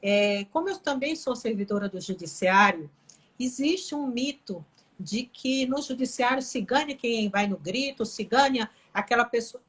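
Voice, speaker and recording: Husky-voiced woman guest from Pará. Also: on the high side, normal speed. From Pará, Brazil. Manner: earnest, animated, sharing her own voice training. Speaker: guest, court employee and therapist. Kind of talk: casual chat on an online live.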